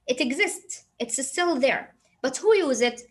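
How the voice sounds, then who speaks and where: A woman with a high-pitched, animated voice speaks a little slowly as she explains a lesson to her students. She's a teacher and native Arabic speaker with a Saudi Arabic accent who repeats phrases, often asks rhetorical questions, and switches to Arabic.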